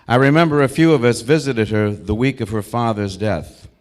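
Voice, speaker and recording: An American man in his sixties delivering a prepared eulogy, telling memories in a measured, reflective way with short, deliberate phrases. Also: medium pitch. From Brookline, Massachusetts, United States. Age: 60s. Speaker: eulogist, old school friend of the deceased.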